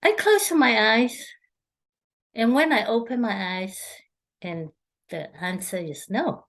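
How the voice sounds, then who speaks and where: With a slightly high, expressive and somewhat bright voice, a middle-aged Hong Kong feng shui consultant responds to interview questions. She speaks in a halting way, restarting often and using many fillers.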